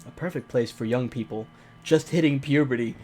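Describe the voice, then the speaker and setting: Hosting a let's play, a man reads a visual novel aloud with theatrical flair, then breaks off into mocking, exclaimed jokes. His voice is medium-pitched and a little mellow, and he talks slightly fast.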